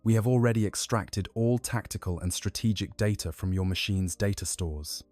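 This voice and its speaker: A man voicing an ancient, curious male Necron lord in a measured, formal way. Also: fairly low pitch, darkish tone, no echo, soft background music, close to an everyday voice. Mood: cold.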